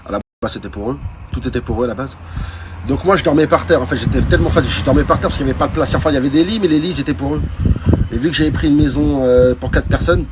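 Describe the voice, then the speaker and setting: A man telling a casual personal anecdote in an animated way, repeating phrases for emphasis and acting out what people said. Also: medium pitch, very fast, noisy background. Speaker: storyteller.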